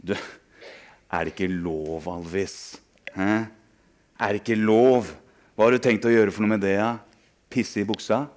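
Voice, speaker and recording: A man's voice: on the low side, steady tone, natural voice. A man voicing a cruel, mocking bully boy who draws out his taunts. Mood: taunting. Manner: sneering, drawn-out taunts.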